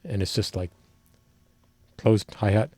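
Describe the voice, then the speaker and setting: A man's voice: fairly low pitch, slow, a little mellow, husky, no room sound. A man who is a working musician, casually analyzing a song, rambling and technical, often correcting himself as he thinks aloud. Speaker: musician reacting to a music video.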